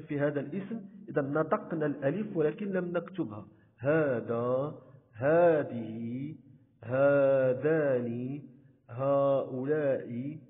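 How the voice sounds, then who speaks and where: A man from Morocco teaching a primary school spelling lesson, speaking deliberately and drawing out example words. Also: a little high. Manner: deliberate, stretches out example words, repeats "so" often. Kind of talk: recorded Arabic spelling lesson. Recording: tinny phone-like sound with long reverb.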